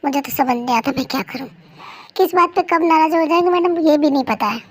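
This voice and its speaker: A fairly high, whiny young husband, voiced by a woman in a fan story role-play. He complains like a sulky child and sounds a little lower than the women in the story. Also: fast talker, lightly acted.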